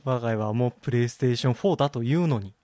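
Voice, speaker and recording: A man's voice: mid-range voice, rapid-fire, mellow, no echo, clean studio sound. A man with a Kansai accent, co-hosting a podcast in casual chat, easygoing and laughing often. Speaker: podcast co-host.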